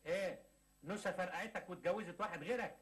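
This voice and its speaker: A cheeky Egyptian office clerk in a TV sitcom, always teasing and cracking jokes. His voice is on the high side, and he rattles off his words at a very fast clip. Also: a bit bright. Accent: Egyptian Arabic. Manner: teasing, joking, laughs at his own jokes. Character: cheeky joking office clerk, grown man. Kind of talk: 1980s Egyptian TV sitcom acting.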